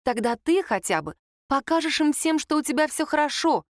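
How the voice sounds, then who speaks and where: A woman's voice: high-pitched, lively intonation, normal speed, no echo, clean studio sound, voice pushed up. A woman reading an audiobook, voicing a confident, teasing young woman reassuring her friend.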